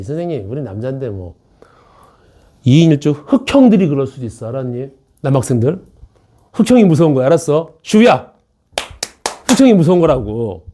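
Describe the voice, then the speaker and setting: A man's voice: fairly high pitch, dark tone. A man teaching a math class in an academy classroom, joking around, repeating key points and checking in with the students. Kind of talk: classroom lecture.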